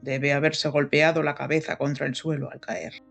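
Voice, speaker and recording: A woman reading the lines of a calm male police superintendent in a steady, soothing way. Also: deep voice, moderate pace, gravelly, faint music behind.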